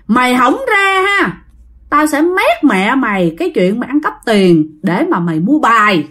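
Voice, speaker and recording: A woman's voice: fairly high pitch, very animated, measured pace, fairly bright tone, exaggerated voice. A woman doing a bullying young male ghost. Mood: threatening. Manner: crude, bullying, threatening. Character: taunting young male ghost, threatening blackmailer.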